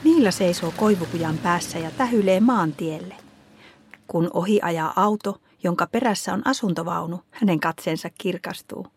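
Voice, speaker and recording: A woman narrating a children's story in a calm, clear reading voice. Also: fairly low pitch. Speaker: storybook reader.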